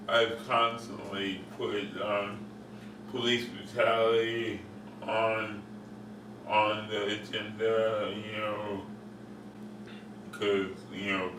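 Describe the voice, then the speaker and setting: Man, slow and monotone, halting speech; echoey room, off-mic, steady background noise. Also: fairly low pitch, recorded from a distance. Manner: halting, full of fillers and restarts. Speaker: activist interviewee. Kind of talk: interview. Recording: roomy, off-mic, noisy background.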